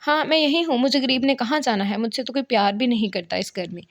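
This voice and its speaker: A woman's voice: fairly high pitch, natural voice. Melodramatic spoiled young wife, read by a woman. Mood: mock-sad. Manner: whiny and melodramatic. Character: spoiled, stubborn young wife, playfully dramatic.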